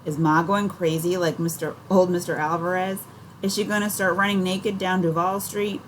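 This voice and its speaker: A woman voicing an excitable young boy who fires off alarmed questions. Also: fairly low pitch, moderate pace, slight background noise, lightly acted, poor audio.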